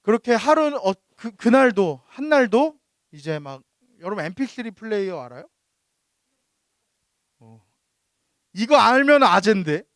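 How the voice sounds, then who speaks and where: A man in his thirties preaches to a youth group in a high, light voice. He speaks into a close, dry mic with no room sound, and his tone stays conversational as he tells his story and keeps asking his young listeners questions. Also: very animated, a little slow, pauses often, a bit bright, dry recording. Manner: personal storytelling to teenagers, asks them questions. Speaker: youth pastor. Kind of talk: sermon.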